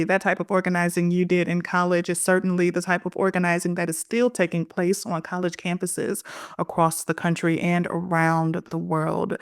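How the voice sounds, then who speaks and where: A woman hosts the show with a slightly low voice, heard close and dry with no room sound. She reads her introductions in a measured, deliberate way before moving into her questions. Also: clean tone, no echo. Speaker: podcast host. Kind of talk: scripted introduction then interview questions.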